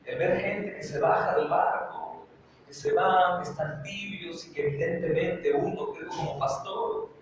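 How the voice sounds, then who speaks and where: A man's voice: high voice, measured pace. A male pastor preaching a sermon in a church, fervent and building to urgent repeated exhortations. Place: church sanctuary. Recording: very echoey church, voice from a distance, faint noise.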